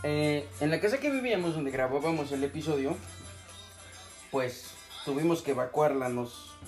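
A man's voice: a little high, animated, moderate pace. A young man with a Mexican accent, co-hosting a podcast, telling a story in casual, joking, profane chat. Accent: Mexican Spanish. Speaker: podcast co-host. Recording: echoey room with faint music.

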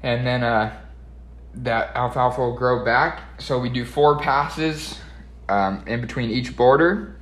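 Young male co-host, mid-pitched, folksy casual explainer, audible room echo. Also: slow, fairly bright tone. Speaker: podcast co-host and farm worker. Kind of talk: casual chat, explaining his work.

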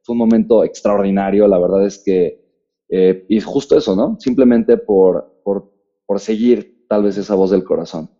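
Dark-voiced Mexican man telling his story. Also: fairly low pitch, moderate pace. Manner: animated, fills with "eh" and "pues". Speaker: guest, author and entrepreneur. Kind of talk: storytelling in a casual interview. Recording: muffled dull recording.

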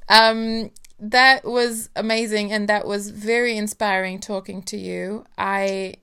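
A woman podcast host with a clear, smooth voice at a medium pitch. She chats casually with her guest and is effusive and gushing in how she talks. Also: flat delivery, takes it slowly, pushed and bright. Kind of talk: casual interview chat.

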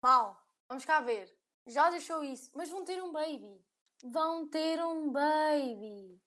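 High-voiced chatty Portuguese woman. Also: animated, slow pace, a bit bright. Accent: European Portuguese. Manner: chatty, laughs often, filler-heavy. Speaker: podcast co-host. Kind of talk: casual chat.

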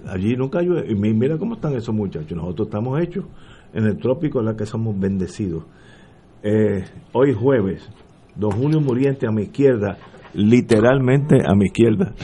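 A man's voice: on the low side, expressive, normal speed, warm tone, slight background noise. An older man with a Puerto Rican accent hosting a talk show interview, rambling and joking as he talks. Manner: joking, rambling, laughs often. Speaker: radio talk show host.

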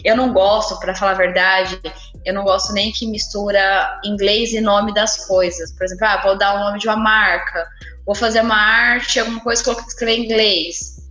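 A woman's voice: mid-range voice, fairly even intonation, normal speed, pushed and bright, roomy sound, dull audio, faint music behind. A woman co-hosting a casual podcast, chatty and exasperated, often laughing as she talks. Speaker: podcast co-host.

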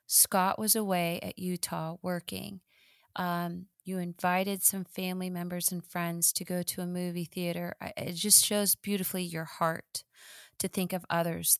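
A woman's voice: on the low side, no room sound, studio quality. A woman hosting an interview podcast, recapping the guest's story for listeners in a reflective way. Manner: reflective, summarizing for listeners with gentle fillers. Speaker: host.

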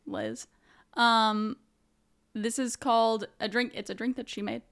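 A woman co-hosting a podcast in casual chat, quick with asides and often laughing. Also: on the high side, sing-song, a bit bright, smooth. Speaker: podcast co-host.

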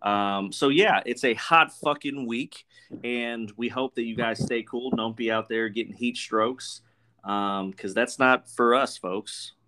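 A man's voice: mid-range voice, unhurried, pushed and bright. A man hosting a podcast in casual chat, talking informally with plenty of swearing and banter. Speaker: podcast host.

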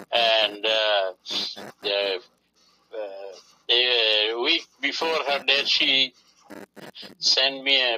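Slow, halting man with a bright voice. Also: mid-range voice, poor audio. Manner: halting, many fillers and pauses. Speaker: interview guest. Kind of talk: casual phone interview.

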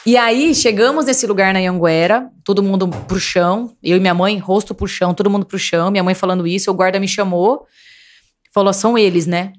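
A woman's voice: mid-range voice, fairly quick. A young woman from Brazil, a podcast guest, telling a story casually and acting out the voices of the people in it. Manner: animated, acts out quoted voices.

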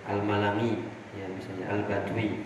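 A man's voice: on the low side, little pitch movement, moderate pace, noisy background. A man teaching Arabic grammar from a classical text, putting questions to his students and answering them himself. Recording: echoey hall from far off.

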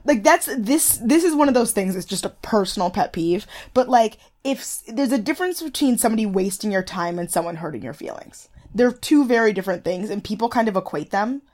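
A woman's voice: mid-range voice, animated, fairly quick, few pauses, a little mellow. Woman podcast co-host, blunt and sweary, casual recap chat. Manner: blunt, swears freely, many "like" fillers.

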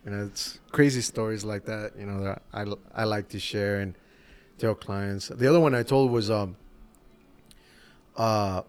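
A man's voice: fairly low pitch, a little slow, smooth. A man hosting a podcast, a barber telling shop stories in casual chat, swearing freely and acting out quotes. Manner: swears freely, animated storytelling with acted quotes. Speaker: podcast host.

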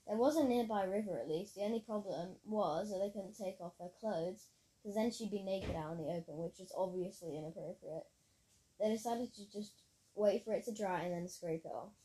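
A woman's voice: medium pitch, moderate pace, dark tone, poor audio. A woman reading her own story aloud in a plain storytelling manner, with occasional slips. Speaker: narrator.

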